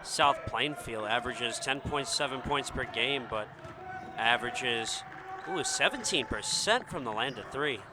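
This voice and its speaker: A man's voice: medium pitch, unhurried. A man giving easygoing, conversational color commentary on a basketball game. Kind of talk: relaxed sports analysis. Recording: noisy gym background.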